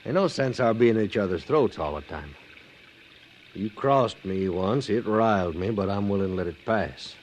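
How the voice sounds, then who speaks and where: An actor voices a conciliatory, self-assured frontier lawman in a 1950s western radio drama, persuading in a folksy American way over noisy old audio. He speaks lowish, at normal speed, and only lightly acted.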